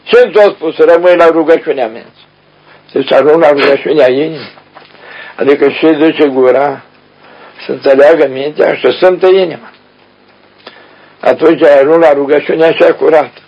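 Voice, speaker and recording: A man with a voice on the high side preaches a spiritual sermon in a folksy style, speaking directly to listeners and posing rhetorical questions, with long pauses. The recording is a dull, lo-fi radio capture.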